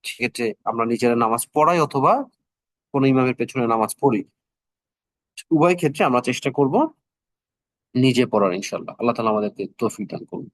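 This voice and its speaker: A middle-aged man teaching an online class, who speaks slowly and repeats words so the listeners can practise. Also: medium pitch, dry recording, clean studio sound.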